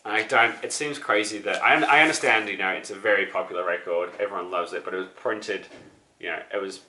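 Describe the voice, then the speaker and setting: A man from New with a deep, bright-edged voice, rambling through a casual record show-and-tell. He fills his speech with ums and restarts. The sound is roomy, with echo from a room at home. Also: fast talker. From New Zealand. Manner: rambling, many fillers and restarts. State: out of breath, still sick. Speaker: record collector vlogger.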